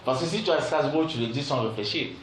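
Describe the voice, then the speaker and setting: A male trainer leads a classroom session. He keeps asking if he is understood and slowly repeats key phrases for the class to note down. The room is echoey, with a faint hum of noise behind him. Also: mid-range voice. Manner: keeps checking in with "d'accord?" and "vous comprenez?". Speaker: call center trainer.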